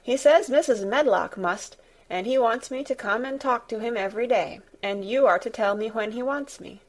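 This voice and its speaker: Woman playing a frank, higher-voiced little girl. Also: moderate pace. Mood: firm. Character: determined, frank, curious young girl.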